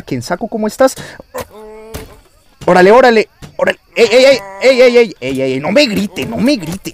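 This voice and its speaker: A man with a Mexican Spanish accent giving excited gameplay commentary as a YouTuber, taunting opponents and yelling at the screen. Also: high-pitched. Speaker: gaming YouTuber.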